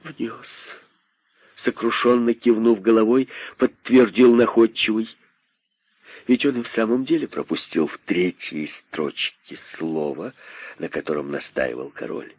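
A man narrating a story for radio with expressive storytelling. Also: on the low side, measured pace, husky, no room sound. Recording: dull, dry radio recording.

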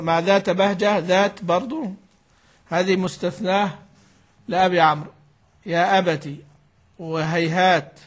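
High-voiced man explaining recitation rules. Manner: explains patiently, repeats key words, asks and answers himself. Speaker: sheikh teaching Quran recitation. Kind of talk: classical Arabic lesson commentary.

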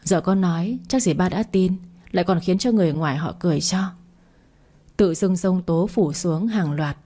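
Low, mellow woman narrating a story. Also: normal speed. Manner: steady, even reading.

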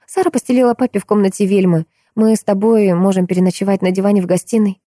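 A woman's voice: medium pitch, fairly even intonation, fast, warm tone, no echo, clean studio sound, voice pushed up, natural voice. A woman doing a desperate young lover. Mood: cheerful. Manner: raised, trembling pleas and angry outbursts.

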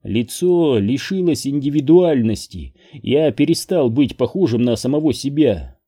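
A male audiobook narrator tells the story at an unhurried, deliberate pace. His voice is dark and mellow, of middling pitch. The telling stays steady and measured throughout. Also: slightly rough. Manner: slow, measured, even telling. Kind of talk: scripted narration.

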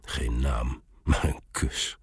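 A man voicing a gruff, lonely old male soldier who guards a city gate. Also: steady tone, takes it slowly, no room sound, clean studio sound, full character voice. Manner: gruff, booming.

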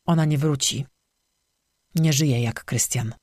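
A narrator voicing a numb young woman who flatly insists the missing friends are dead. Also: mid-range voice, takes it slowly, no room sound, clean studio sound, natural voice. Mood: numb certainty. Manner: flat, insistent.

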